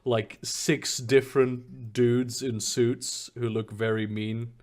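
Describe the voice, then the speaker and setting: A man's voice: medium pitch, little pitch movement, slow pace, a little mellow. A man acting as game master, improvising narration and dialogue for a tabletop role-playing game.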